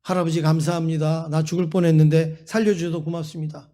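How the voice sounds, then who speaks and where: A man voicing a cocky young man in a spoken sermon story, boastful at first and quick to complain. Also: a little high, steady tone, warm tone, voice pushed down, lightly acted. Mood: brash.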